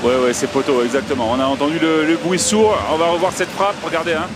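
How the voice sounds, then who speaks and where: A man's voice: on the high side, fairly even intonation, fast talker. A man acting as co-commentator, giving conversational live analysis of a football match. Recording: clear background noise behind the voice.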